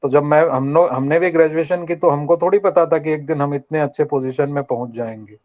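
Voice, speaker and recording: Speaking on the high side, fairly quickly and with a slightly mellow tone, this older Rajasthani man addresses a college workshop as a guest. His earnest motivational talk invites students to respond, and the online meeting audio sounds dull and lo-fi.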